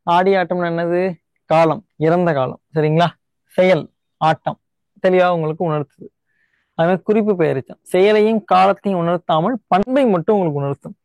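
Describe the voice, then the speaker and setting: A young male teacher with a Tamil Nadu Tamil accent explains grammar step by step, slowing down to repeat each key word. His voice sits high for a man. The sound is dry and close, with no room echo. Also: darkish tone. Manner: explains step by step, often checks in with "right?"; repeats key words slowly to stress them. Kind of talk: online exam-prep lesson.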